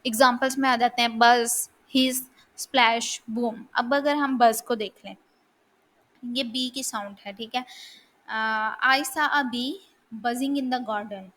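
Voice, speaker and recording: A woman's voice: on the high side, fairly even intonation, takes it slowly, a bit bright. A woman lecturing on linguistics in a casual, explanatory way, often asking a question and then answering it herself. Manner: explanatory, asks and answers her own questions. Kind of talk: casual lecture in mixed Hindi-Urdu and English. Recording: faint background noise.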